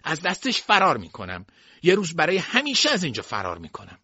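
A man's voice: on the high side, huge pitch swings, bright, forceful tone, husky, no room sound, voice pushed up, exaggerated voice. Brief: man playing a young girl, fearless and stubborn, raised voice; dry lo-fi reading. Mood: defiant. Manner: defiant. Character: defiant young girl, tender to her brother.

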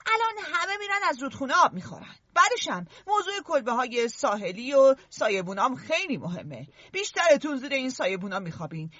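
A woman's voice: high voice, sharp tone, dry recording, dull audio, heavily acted. A woman voicing Ralph, an earnest, stern boy chief who lectures and scolds the others.

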